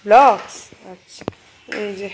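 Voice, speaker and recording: A woman's voice: mid-range voice, slow pace, a little hiss or hum. A young woman with a Bengali accent narrating her family day in a casual home vlog, talking straight to viewers on a handheld phone camera. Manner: chatty, addresses viewers directly, talks softly at times. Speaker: vlogger.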